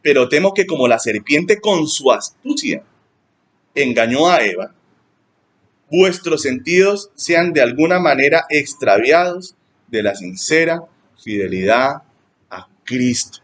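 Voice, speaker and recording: A man preaching a sermon, his fairly high voice swooping up and down. He acts out church members in squeaky mocking tones, then drops low and slow for scripture. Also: expressive, fairly bright tone. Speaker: pastor.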